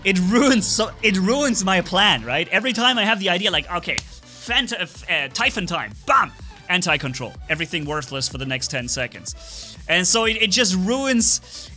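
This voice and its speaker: Bright excited male game streamer. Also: high-pitched. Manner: excited play-by-play with sound effects. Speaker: gaming streamer. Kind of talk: live gameplay commentary.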